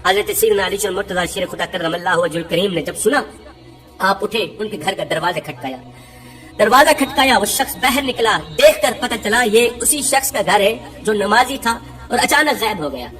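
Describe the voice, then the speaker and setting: Woman, religious storyteller, sermon style, emphatic, repeats phrases, soft music behind. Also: mid-range voice, expressive.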